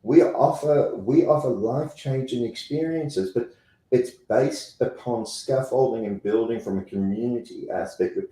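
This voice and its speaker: This interview guest, a company president with a South African accent, has a voice on the low side with a dark tone. He talks emphatically, repeating phrases for effect, and the rough recording carries a roomy sound.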